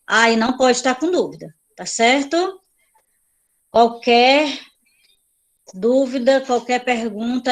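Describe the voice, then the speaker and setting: A woman teacher giving an online class, explaining patiently, repeating points and checking in with her students. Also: fairly high pitch.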